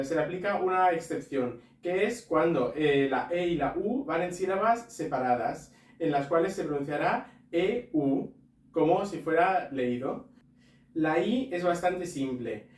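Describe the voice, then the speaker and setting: A man's voice: on the high side, darkish tone, reverberant, distant mic. A man teaching a language pronunciation lesson, explaining each rule step by step and asking listeners to repeat after him. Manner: explains rules step by step, asks viewers to repeat.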